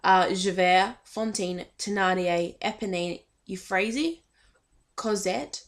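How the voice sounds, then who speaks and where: A woman's voice: mid-range voice, slow. A young woman chatting casually in a fan vlog, hesitant and full of filler ums, a little shy. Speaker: vlogger.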